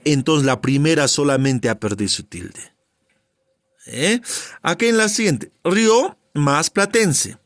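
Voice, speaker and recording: Animated male grammar teacher. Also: on the high side, dry recording, clean studio sound. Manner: quizzing with rhetorical questions and "eh?" and "ve?" checks. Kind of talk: spelling lesson.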